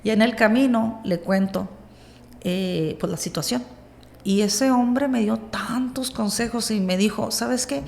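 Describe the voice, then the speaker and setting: A woman with a Mexican accent, a podcast guest, telling a personal story in a lively way and acting out what others said. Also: medium pitch, a little slow, creaky. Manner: animated retelling, acts out quoted dialogue.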